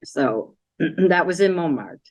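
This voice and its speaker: A woman with a notably low voice talks casually through her travel slides. She rambles a little and fills pauses with "um" and "so" as she clicks along. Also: animated. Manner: chatty, meandering, with many fillers. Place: library meeting room.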